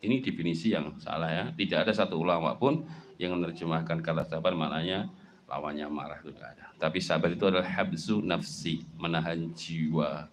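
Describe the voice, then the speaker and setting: Man preaching a sermon. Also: slight background noise. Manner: conversational, frequent filler "ya", voice jumps high and loud when stressing a point. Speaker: Islamic preacher.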